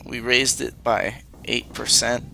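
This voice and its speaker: A man's voice: medium pitch, level tone, takes it slowly, gravelly, sharp tone, a little hiss or hum. A man playing a role-playing game, reading its text aloud and commenting wryly in a casual way. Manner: casual, wry. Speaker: let's play host.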